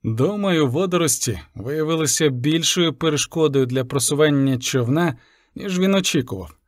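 A man narrating a sea story in the first person with an even, measured reading. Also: fairly high pitch, dry recording, clean studio sound. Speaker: audiobook narrator.

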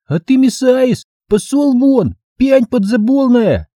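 A man voicing a bratty, lisping six-year-old boy who yells rudely. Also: very high-pitched, expressive, slow pace, no echo, studio quality, voice pushed up, heavily acted. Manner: rude, bossy, yelling.

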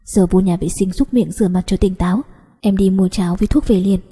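A woman's voice: mid-range voice, steady tone, fairly quick, warm tone, breathy edge, in a large hall, close to an everyday voice. A coaxing young cousin, as a woman reader voices him. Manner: coaxing, tender and scolding.

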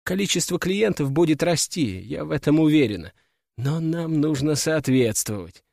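A man's voice: fairly high pitch, expressive, normal speed, gravelly, a little mellow, no echo, clean studio sound. A man voicing a shrewd young woman who runs a clinic, talking in a practical, coaxing way in an audiobook. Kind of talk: audiobook character voice.

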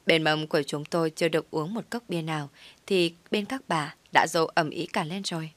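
A woman reading a comic story in first person with a steady storytelling delivery. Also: low-pitched, fairly quick, no echo.

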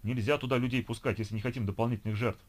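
A man's voice: mid-range voice, steady tone, rapid-fire, close to an everyday voice. Man doing an angry hissing crew member. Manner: angry harsh whisper.

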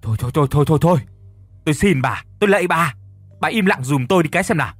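A man playing a gruff older farmer husband who scolds and grumbles in exasperation. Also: a little high, animated, very fast, a bit bright, no room sound, faint music behind. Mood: exasperated.

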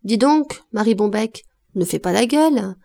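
A woman voicing a jeering, drunk male roofer in an audiobook, loud and mocking. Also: mid-range voice, lively intonation, moderate pace, gravelly.

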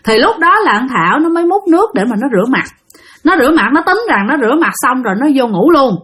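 A woman's voice: high voice, very animated, fast talker, fairly bright tone. A woman telling a ghost story in a chatty way, talking straight to her listeners. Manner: chatty, addressing listeners directly. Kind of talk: casual ghost-story narration.

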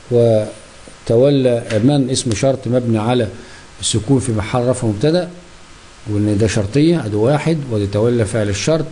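A man with an Egyptian Arabic accent gives a grammar lesson at a brisk clip. His voice is dark and mellow. He keeps putting questions to the class and answering them himself. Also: medium pitch, slight background noise.

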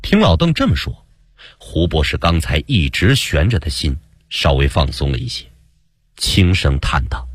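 A man narrating a radio story in a measured, unhurried reading style. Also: very deep voice, sing-song, husky, no room sound, clean studio sound. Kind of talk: scripted audio-drama narration.

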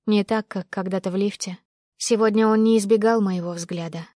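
Woman narrator for first-person fiction, mid-pitched, dry studio sound, expressive reading. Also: moderate pace, no echo. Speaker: audiobook narrator.

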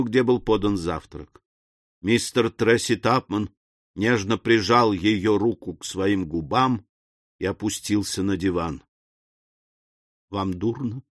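A man narrating a comic classic audiobook with a lively, expressive reading. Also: fairly low pitch, dry recording, clean studio sound.

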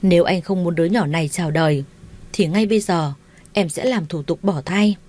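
A woman's voice: fairly low pitch, brisk, a little mellow, close to an everyday voice. A woman voicing a scheming young woman in a read-aloud romance story, whiny and pleading.

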